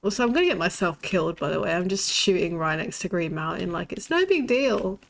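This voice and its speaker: Her voice is lowish, gravelly and animated, and she speaks fairly quickly. She's a young woman with a lisp chatting casually during a shooter game stream. Expect bluntness, swearing and frequent laughter.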